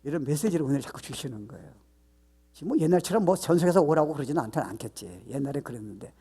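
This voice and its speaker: A man's voice: fairly high pitch, big pitch swings, fast talker, warm tone, husky. An older man, a pastor, preaching a sermon with emphatic delivery and frequent rhetorical questions.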